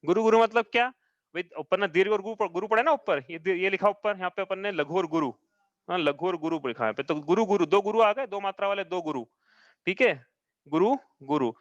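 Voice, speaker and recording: A man's voice: high-pitched, a little fast, no echo. A man teaching an online class over a video call, explaining patiently step by step and often checking that his students follow. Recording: dull dry online-call audio.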